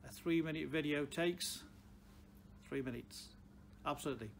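Man in his sixties, Stoke accent, slightly high voice, plain-spoken car dealer talk, noticeable showroom background noise. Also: moderate pace, gravelly. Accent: Stoke-on-Trent (Potteries). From Stoke-on-Trent, England. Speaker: car dealer presenting advice. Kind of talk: unscripted direct-to-camera advice talk. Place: large indoor car showroom.

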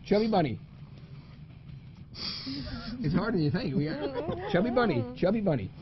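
A man's voice: high-pitched, normal speed, crowd noise. Goofy guy running a party game, upbeat, kinda muffled recording. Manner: joking, loud and energetic. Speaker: host. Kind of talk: casual party-game banter.

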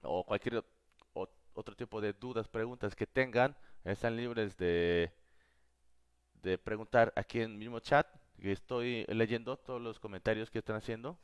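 A man's voice: on the low side, steady tone, normal speed, smooth, dry recording. A Korean man, a native Korean speaker, teaching a live online language class, explaining patiently and repeating each word several times.

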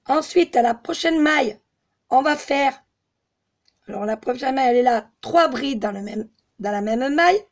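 A slightly hoarse woman giving a step-by-step crochet tutorial, patiently counting stitches aloud. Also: high-pitched, lively intonation, moderate pace. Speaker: crochet teacher.

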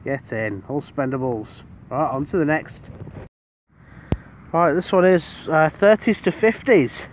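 Unhurried and fairly high-pitched, a British man detects metal on a beach and gives relaxed commentary to the camera, growing excited with every item he unearths. A little hiss or hum runs through the recording.

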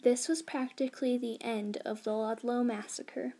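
A woman's voice: fairly high pitch, fairly even intonation, normal speed, mellow, rough recording. A woman voicing a young male immigrant miner, in an earnest first-person school history narration read plainly aloud.

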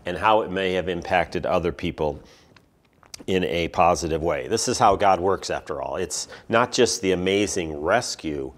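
A man, a pastor, giving a relaxed, conversational sermon. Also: deep voice, normal speed.

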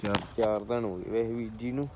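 A warm, lowish voice with a steady tone and fairly quick pace belongs to a Punjabi-accented man vlogging from his farm. He chats informally and rustically, greeting viewers again and again as brothers and friends, while birds and animals make for noisy rural ambience.

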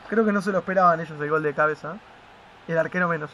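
A young man with an Argentine accent talks over a football video game with his friends, excited and teasing. His voice sits a little high and sounds bright and clear, with a faint hiss behind it. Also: fast, muffled recording. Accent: Argentine Spanish. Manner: excited, swearing, teasing teammates. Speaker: gaming youtuber. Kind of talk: casual gaming commentary with friends.

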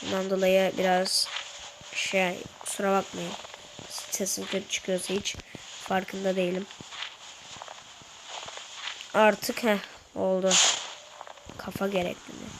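A woman talks her viewers through a game in a chatty, casual way, slightly ill. Her voice sits at a middling pitch. A clear hiss of noise runs under the recording. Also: monotone, takes it slowly, pauses often. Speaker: gaming YouTuber. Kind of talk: casual gameplay commentary.

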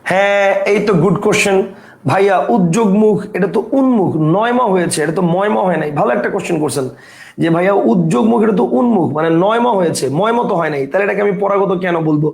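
Man, teacher, step-by-step explaining, gravelly, echoey room. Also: high voice, fast talker, a little mellow. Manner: explains step by step, often checks understanding. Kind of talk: online grammar lesson.

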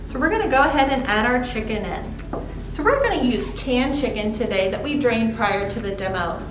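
High-voiced woman leading a cooking demo. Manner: upbeat step-by-step instruction. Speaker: cooking demonstrator. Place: demo kitchen set, indoors. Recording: roomy distant mic with music.

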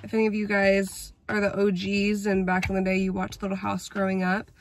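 A woman chats through her vlog in a friendly, rambling way. Her voice is hoarse and gravelly from a chest cold, with a rough fry at the low end. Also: completely flat delivery, fairly quick. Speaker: vlogger. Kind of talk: casual vlog chat.

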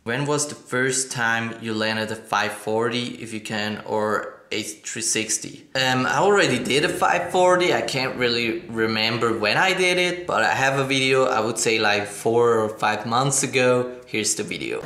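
Sitting on his living-room sofa, a cheerful young skateboarding vlogger from Switzerland, a native German speaker, reads viewers' questions aloud in a chatty, casual Q&A. His medium-pitched voice is bright and a little slow with hardly any pauses, and the fixed camera across the room picks up plenty of echo.

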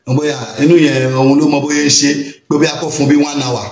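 A man's voice: a little high, level tone, quick pace, crowd noise. A man with a Nigerian accent giving a scolding, exasperated commentary rant. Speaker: social media commentator. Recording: roomy echo.

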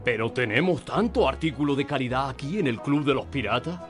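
A man's voice: medium pitch, expressive, fairly quick, faint music behind, natural voice. An actor playing a grandiose pirate smuggler king in a video game, with a Castilian Spanish accent and a theatrical mustache-twirling villain manner. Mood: sly menace.

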